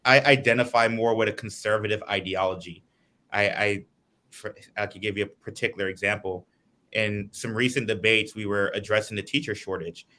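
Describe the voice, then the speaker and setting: A man's voice: on the low side, fairly even intonation, a little fast, sharp tone. A man from Guyana, a political candidate, giving earnest, lengthy answers in an interview over a video call.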